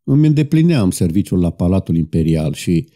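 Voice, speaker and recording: Bitter proud young officer, sad and defensive, low dark voice , as a man reads it. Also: very animated. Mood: recounting.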